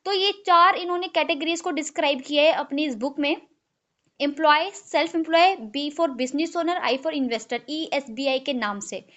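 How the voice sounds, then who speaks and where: High-pitched woman trainer, code-switching, many filler okays, lo-fi call audio. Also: fairly bright tone. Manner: mixes English and Hindi, fills with "ठीक है"; slows down to spell out key terms. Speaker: online team trainer. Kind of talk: live online training session. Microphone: video call.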